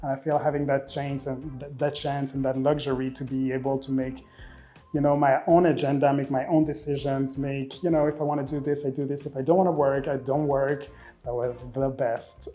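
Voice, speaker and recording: Guy in his 30s, mellow warm voice, chatty and expressive, repeats himself a lot, faint music behind. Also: medium pitch, normal speed. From Rwanda, raised in Belgium. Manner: expressive, repeats words while thinking, laughs easily. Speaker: makeup artist guest. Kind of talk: casual interview.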